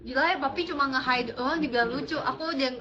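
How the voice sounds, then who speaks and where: A woman's voice: high voice, quick pace, crowd noise. A young woman with a Jakarta Indonesian accent and a slurred r, chatting playfully as she answers viewers on a casual livestream. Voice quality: slurred r (cadel). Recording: slightly dull lo-fi stream audio.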